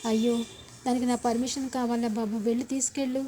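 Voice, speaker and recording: A woman voicing a gentle middle-aged aunt who coaxes a young man over tea, in a spoken serial recap. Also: fairly high pitch, flat delivery, fast, slight background noise, natural voice. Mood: coaxing. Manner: coaxing, homely.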